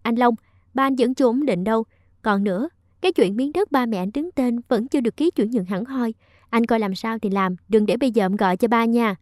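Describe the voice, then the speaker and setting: A scheming young woman delivers icy threats in a calm, clipped way, as a woman reads her lines. Her voice is a little high and mellow, in a dry close recording. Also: fairly quick, dry recording, close to an everyday voice. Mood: threatening. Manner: cold, threatening.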